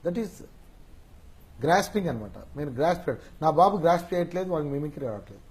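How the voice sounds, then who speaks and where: A male mimicry artist explaining his craft in a casual interview, with an animated, explanatory manner. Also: fairly high pitch, fast.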